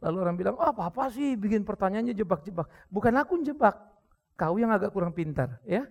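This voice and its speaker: A man with an Indonesian accent preaching a sermon, joking with the crowd and bursting into sudden shouts. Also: sits high, fast, gravelly. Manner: lively preaching with jokes, acted quotes and sudden shouts. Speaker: pastor.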